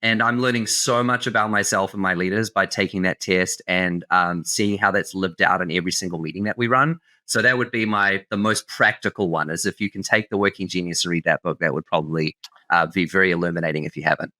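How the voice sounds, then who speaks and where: Bright-voiced man with an Australasian accent. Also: low-pitched, fairly even intonation, fairly quick. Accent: Australian or New Zealand. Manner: earnest, practical, frequent restarts. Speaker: guest, company CEO. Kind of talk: casual interview chat.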